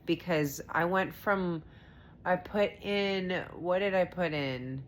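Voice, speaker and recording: Low-voiced woman rambling about trading. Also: slow pace, a little hiss or hum. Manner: rambling, with many fillers and restarts; acts out her own past reactions in quotes. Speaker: stay-at-home mom sharing her stock trades. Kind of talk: casual rambling vlog chat.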